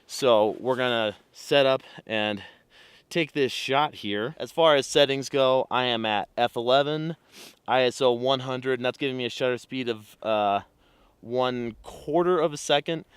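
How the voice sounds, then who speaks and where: A landscape photographer shoots a calm mountain lake at dawn and walks through his camera settings in a relaxed on-location vlog, full of fillers and sounding congested from a cold. His voice is mid-range with a measured pace and a clean tone, and there's no room sound.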